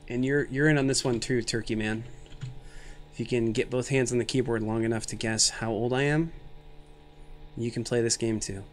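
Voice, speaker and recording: A man's voice: medium pitch, steady tone, normal speed, a little hiss or hum. Rambling thirty-year-old man streaming a game. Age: 30s. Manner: rambling, self-mocking and jokey. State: tired and loopy from little sleep and caffeine. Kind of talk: casual live-stream commentary.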